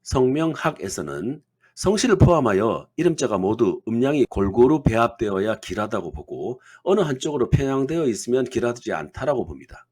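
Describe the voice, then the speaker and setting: A man delivers a scripted lecture, stepping through lists one item at a time. His voice is husky and slightly rough, and his pitch rises and falls in a lively way. He keeps an even, explanatory tone throughout. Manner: measured, reads lists item by item. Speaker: naming-theory lecturer.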